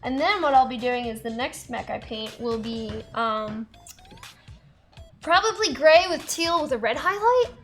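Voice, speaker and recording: A woman's voice: high voice, a bit bright. A woman in her thirties hosting a stream, chatting casually and laughing often while she paints. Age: 30s. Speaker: stream host. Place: studio set with a table.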